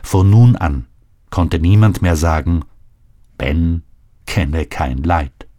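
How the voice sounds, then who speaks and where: Deep, slow male audiobook narrator. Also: dark tone.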